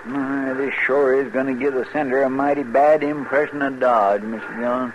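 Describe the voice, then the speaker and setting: An actor playing a simple, good-natured sidekick in a radio western, hesitant and deferential, with a rural Western American drawl. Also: male voice, mid-range voice, fairly even intonation, moderate pace, lo-fi sound, close to an everyday voice. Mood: earnest, hesitant. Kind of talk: old-time radio western acting. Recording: very noisy old radio recording.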